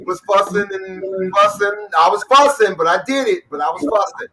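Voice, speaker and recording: High, bright-voiced energetic male host. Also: normal speed, recorded from a distance, a little hiss or hum, poor audio. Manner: energetic, hypes up viewers, calls out names. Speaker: talk show host. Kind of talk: lively livestream hosting.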